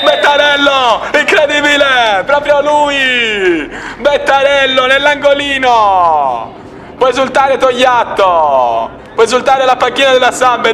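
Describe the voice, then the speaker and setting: A man giving excited, breathless football goal commentary, shouting out the calls as a match commentator. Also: very high voice, slight background noise.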